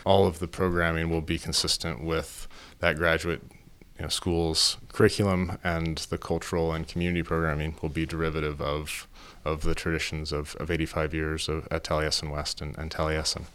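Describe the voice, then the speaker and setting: A man answering interview questions earnestly, halting and restarting often. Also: extremely low pitch, level tone, a bit bright, clean tone. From Phoenix, Arizona. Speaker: house owner, interviewee.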